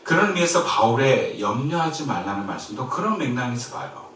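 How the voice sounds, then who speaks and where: A Korean man preaching in a very echoey church, picked up from a distance with faint ambience behind him. His voice moves lively up and down, from emphatic declarations to hushed, gentle words of comfort. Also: mid-range voice, a little fast, a little hiss or hum. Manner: lively, shifts between loud and soft, quiet gentle quoted comfort. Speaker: pastor. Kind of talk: sermon. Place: church sanctuary.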